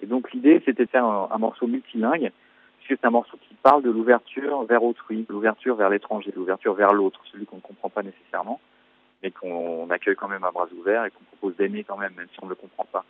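A French man in his forties speaks quickly in a lowish voice, explaining his songwriting thoughtfully and pausing on fillers. The sound is narrow and tinny, like a phone line, with no room echo. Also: steady tone. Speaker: musician guest. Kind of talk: radio interview answers.

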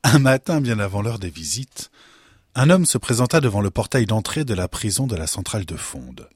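Husky, low-voiced man reading a story. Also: no echo, studio quality. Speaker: story reader. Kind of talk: reading a short story aloud.

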